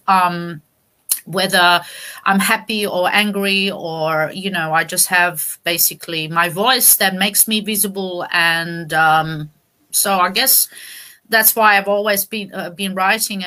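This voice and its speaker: A woman from Romania, a poet and performance artist, talking about her work on a video call with many pauses and fillers. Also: medium pitch, pushed and bright. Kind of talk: online interview talk.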